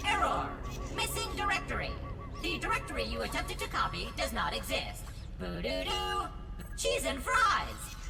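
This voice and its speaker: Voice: medium pitch, creaky, exaggerated voice. A performer voicing a chipper, helpful robot lab assistant in a video game, speaking through a robotic computer voice filter and announcing its processing and errors like a machine. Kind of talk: video game character dialogue.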